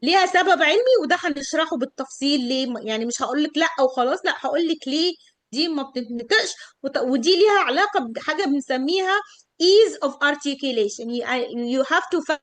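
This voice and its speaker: Brief: middle-aged woman, Egyptian Arabic accent, high voice, patient pronunciation teacher who slows down on example words. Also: animated, fairly bright tone, no echo. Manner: drawn-out model words. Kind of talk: online pronunciation lesson.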